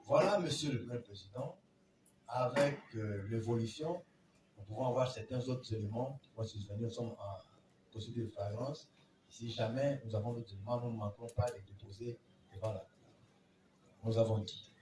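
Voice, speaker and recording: A man's voice: mid-range voice, a little mellow, slight background noise, rough recording. Formal male prosecutor reading evidence in court. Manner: formal, measured, reads out documents.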